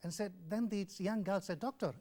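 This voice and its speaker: An older man from Bangladesh, formerly the WHO's country representative and a health official, earnestly tells an interviewer about his life. His voice is high with a dark tone, delivered at a normal speed. He tends to repeat words and to perform remembered dialogue aloud.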